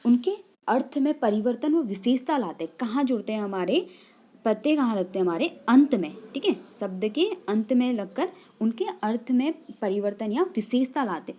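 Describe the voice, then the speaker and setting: A woman's voice: a little high, dull audio. A woman teaching an exam-prep grammar lesson, repeating key terms and asking rhetorical questions with frequent "okay" check-ins. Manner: repeats and asks rhetorical questions, "ठीक है" tags.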